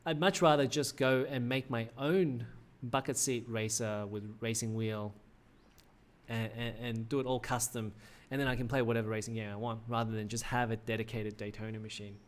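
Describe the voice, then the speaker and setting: In his 30s and from Australia, a livestream host rambles through casual commentary, often saying "uh" and correcting himself. He has a mid-pitched, steady voice at a moderate pace, though it's slightly worn from starting to lose his voice.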